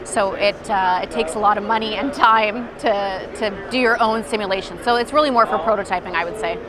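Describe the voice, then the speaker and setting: A woman's voice: mid-range voice, brisk. A woman company representative explaining a product conversationally in a demo at a trade show. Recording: busy outdoor trade-show crowd noise.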